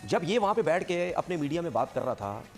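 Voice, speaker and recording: A man's voice: fairly high pitch, big pitch swings, fairly quick, faint music behind. A man from Pakistan, speaking on a TV panel, hesitant with fillers and English phrases. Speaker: TV talk show panelist. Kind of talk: TV panel discussion.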